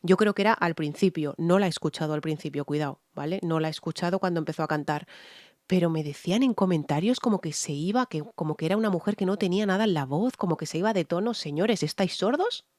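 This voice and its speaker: A woman's voice: lowish voice, fast, darkish tone, no echo, clean studio sound. Frank Spanish woman analyzing vocals. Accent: Spain. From Spain. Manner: frank, explanatory, frequent "¿vale?" check-ins. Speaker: vocal coach. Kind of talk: music reaction and vocal analysis.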